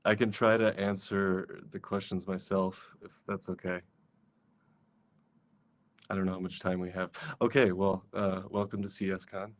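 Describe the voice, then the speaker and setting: Man, conference speaker, low voice, monotone, casual with lots of ums, video call. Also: moderate pace. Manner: casual, with frequent fillers and restarts. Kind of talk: virtual conference talk and Q&A.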